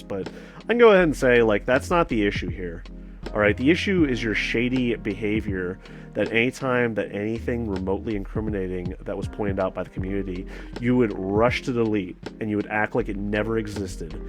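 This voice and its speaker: A man hosting a casual commentary video, rambling with many fillers, sarcastic asides and swearing. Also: on the low side.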